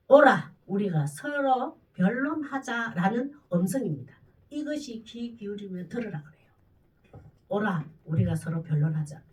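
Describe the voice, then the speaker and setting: A woman pastor delivering a sermon, preaching with sudden loud, emphatic bursts. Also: medium pitch, far from the mic, poor audio.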